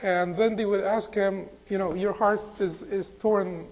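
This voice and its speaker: A man from Egypt giving an Islamic lecture, halting and repeating words with many fillers. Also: high-pitched, steady tone, slight background noise. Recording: dull lo-fi recording.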